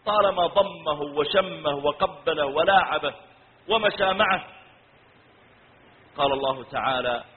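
A male preacher giving an emotive storytelling sermon, slowing down to chant scripture verses. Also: on the high side. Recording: tinny phone-like recording with long hall reverb.

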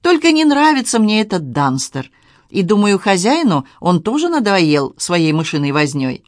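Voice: mid-range voice, very animated, normal speed, no room sound, studio quality, natural voice. A reader voicing Dixon, an old, moralising male servant who lectures in a homely, plain way in a storybook reading. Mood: evasive.

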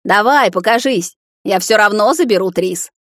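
A woman's voice: fairly low pitch, animated, normal speed, breathy edge, no echo, studio quality. A woman voicing a defiant, stubborn young male former hunter who calls out boldly and challenges his foes. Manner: bold, challenging shouts.

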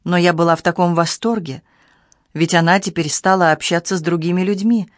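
A woman reading a mystery novel aloud as an audiobook narrator, in a measured, even storytelling manner. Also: fairly low pitch, no echo, studio quality. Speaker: audiobook reader. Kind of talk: scripted narration.

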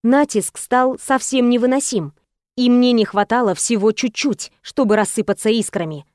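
A woman with a fairly high voice narrates a first-person romance audiobook. She reads softly and intimately and colors each scene with expression. The recording is close and dry, with no room sound. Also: moderate pace, no echo. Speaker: audiobook reader.

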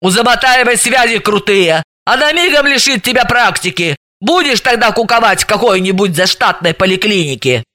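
A woman's voice: mid-range voice, lively intonation, moderate pace, pitched above the performer's own voice. A woman voicing a bossy, irate female friend who scolds and rants at full volume. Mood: ranting. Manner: shouting, scolding, ranting.

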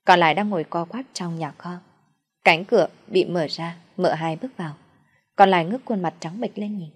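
A woman storyteller narrating a dark folk tale in a steady, even voice. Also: lowish voice, moderate pace, husky.

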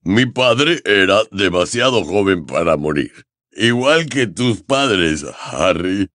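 A man putting on a big, tearful, drunken giant of a groundskeeper from a storybook. The voice is low and slow, and it swings up and down with emotion. It mumbles and growls in a dry, close recording. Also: animated, fairly bright tone, no room sound, exaggerated voice. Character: huge, weepy, drunk male groundskeeper giant. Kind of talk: audiobook character voice.

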